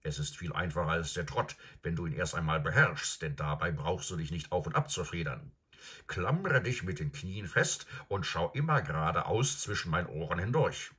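A man reading aloud and voicing a proud, bossy male talking warhorse with a husky, teasing manner. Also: deep voice, moderate pace, heavily acted. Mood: teasing, commanding. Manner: lively, teasing, loud commands.

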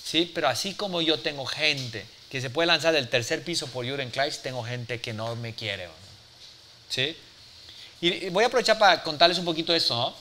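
Brief: forty-something male mentor, slightly high, sharp and forceful, blunt and profane with a crowd. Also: moderate pace, slight background noise. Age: 40s. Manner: blunt, forceful, swears freely, peppers with "¿sí?". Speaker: business speaker and mentor. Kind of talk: live mentoring talk to an audience.

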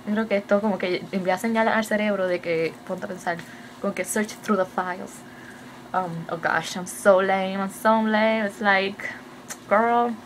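A young woman with a Puerto Rican Spanish accent, chatting fast and excitedly in a casual video update and slipping English words into her Spanish. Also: mid-range voice, slight background noise. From Puerto Rico. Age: young adult. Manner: hyper, rapid, mixes English into Spanish. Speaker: vlogger.

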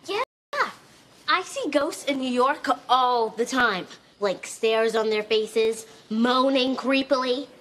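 A woman's voice: on the high side, takes it slowly, fairly bright tone. A female actor playing a sassy, wisecracking young sitcom camper, full of sarcasm. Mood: sarcastic. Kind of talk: sitcom acting.

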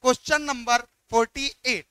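A man's voice: extremely high pitch, steady tone, moderate pace, bright, forceful tone, clear, resonant tone, dry recording. A man teaching biology, walking through exam questions and coaxing students by repeating each question back.

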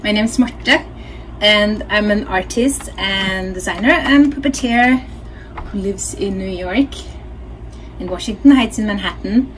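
A middle-aged Norwegian woman, a puppeteer, leads a casual craft workshop from her small home studio, thinking aloud as she demonstrates. Her medium-pitched voice is unhurried and carries a Norwegian accent, and the recording is clearly noisy.

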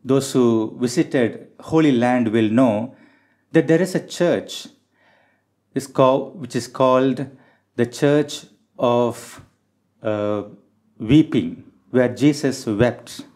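Male priest, middle-aged, for Gospel and homily: slow, formal, deliberate delivery. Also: mid-range voice, a little mellow. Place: small chapel, indoors. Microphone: gooseneck lectern microphone.

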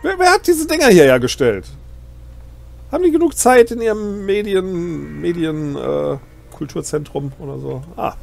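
A man's voice: high-pitched, big pitch swings, moderate pace, creaky, darkish tone, faint music behind. A middle-aged man giving chatty, amused commentary while playing a video game. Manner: chatty, amused, reads on-screen text aloud. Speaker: let's play host. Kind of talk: gameplay commentary.

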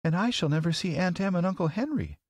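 A man voicing a sad, gentle, earnest little girl in a storybook reading. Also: fairly high pitch, wildly swooping pitch, fairly quick, husky, no room sound, voice pushed up, full character voice. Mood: sad, worried.

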